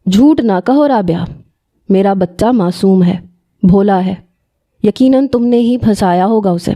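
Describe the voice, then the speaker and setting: Brief: stern middle-aged aunt, scolding, dark mellow voice, read by a woman. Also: medium pitch, lightly acted. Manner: scolding, accusing.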